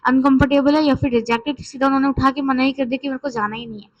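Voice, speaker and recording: A woman with an Indian accent teaching an English lesson, reading example sentences slowly and then explaining them in quick, chatty Hindi with frequent check-ins. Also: high-pitched, fairly even intonation, muffled recording.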